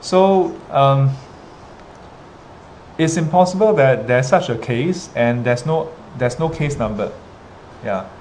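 Halting Singaporean man over noisy ambient background. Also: medium pitch, darkish tone. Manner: hesitant, halting, with frequent pauses and repetitions. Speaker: livestream host, teacher addressing students. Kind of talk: casual livestream storytelling, reading viewer comments. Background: ambient noise, rain.

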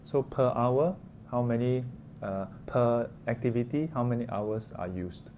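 This is an informal interactive lesson from a man with a Singaporean or Malaysian accent, who chats with the class and often asks quick questions using local particles. He talks a little slowly in a mid-range voice. The recording is muffled, and the room noise is obvious.

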